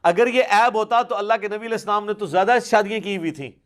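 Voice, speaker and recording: An Islamic scholar with a slightly higher-than-usual voice answers religious questions put to him by a questioner. He explains in an easy, conversational way, patiently building up his points through examples.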